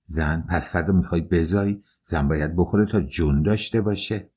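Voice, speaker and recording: Guy doing nosy old mom in a storybook, mocking, low and soft. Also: slightly rough. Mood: teasing. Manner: meddling, sly, mocking. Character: teasing older mother-in-law.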